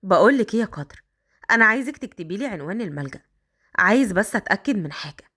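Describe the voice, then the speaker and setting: A woman with an Egyptian accent voicing a smitten older rich man who coaxes in slow, drawn-out lines. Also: medium pitch, big pitch swings, pushed and bright, breathy edge, heavily acted. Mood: coaxing. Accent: Egyptian Arabic.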